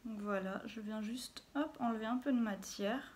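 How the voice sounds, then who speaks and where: A woman's voice: on the high side, moderate pace, darkish tone. A woman talking casually through her makeup routine as a beauty vlogger, chatty and dropping little interjections as she works. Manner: chatty, fills gaps with little interjections while working. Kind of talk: casual makeup tutorial talk. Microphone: phone camera.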